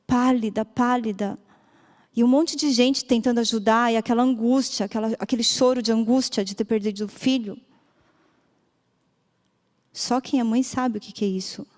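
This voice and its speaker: A woman's voice: on the high side, a little mellow. Brazilian woman doctor telling a church testimony. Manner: emotional storytelling, rises and drops. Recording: long church hall reverb.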